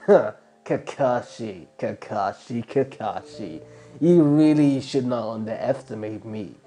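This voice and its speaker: A man doing a smug, low-voiced teen ninja hero. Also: lively intonation, faint music behind. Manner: slow, quiet, smirking taunt.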